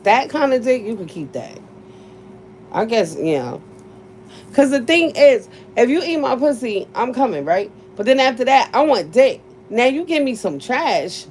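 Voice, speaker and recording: A woman's voice: mid-range voice, a little mellow, slight background noise. A woman hosting a live stream, chatting with viewers in a blunt, profane way, laughing often. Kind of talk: casual livestream chat with viewers.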